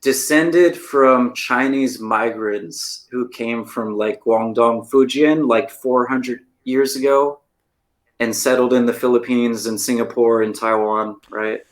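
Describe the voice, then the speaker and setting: Speaking slowly in a steady, mid-range voice, this US-born podcast co-host based in Taiwan tells stories in a casual chat. He leans heavily on "like" and "right?" as he talks.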